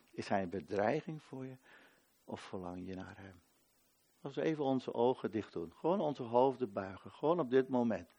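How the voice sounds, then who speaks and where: A man preaching a sermon at a church service. He stresses his points by repeating phrases, and moves between loud proclamation and quiet prayer. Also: medium pitch. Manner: emphatic, often repeats a phrase for weight.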